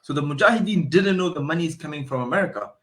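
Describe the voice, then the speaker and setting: A man's voice: on the high side, lively intonation, rapid-fire, a bit bright. Man explaining at length. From Afghanistan. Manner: explanatory, storytelling, with frequent restarts. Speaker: guest. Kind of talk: casual interview.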